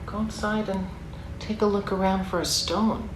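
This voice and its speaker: Reading a picture book to young children, a woman speaks at a medium pitch with a steady tone and normal speed, adding encouraging, chatty asides and questions for her listeners. The recording has a roomy echo and clear background noise.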